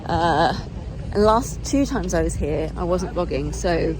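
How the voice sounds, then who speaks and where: A woman's voice: fairly low pitch, lively intonation, unhurried. A woman chatting casually to her handheld camera outdoors in a city, gushing and enthusiastic as she vlogs. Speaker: vlogger. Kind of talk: casual travel vlog chat. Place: outdoors in a city, partly on a bridge. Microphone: handheld camera while filming herself. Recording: loud outdoor urban noise.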